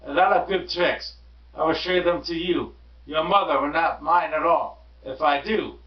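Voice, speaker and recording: Cocky storybook cat in a hat, man doing the voice, pitched up high, dull roomy sound. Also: normal speed, recorded from a distance, lightly acted. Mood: boastful. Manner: boastful, sing-song storybook voice. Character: cat in a tall hat, mischievous and showy.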